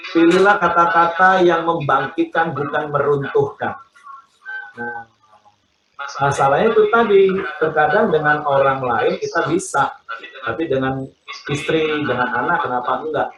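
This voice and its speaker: A man, a pastor, teaching a crowd about family communication in an animated, joking way. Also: on the high side, lo-fi sound. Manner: animated, joking, acts out example phrases. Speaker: pastor, guest speaker. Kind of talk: teaching talk on family life. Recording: echoey room with audience.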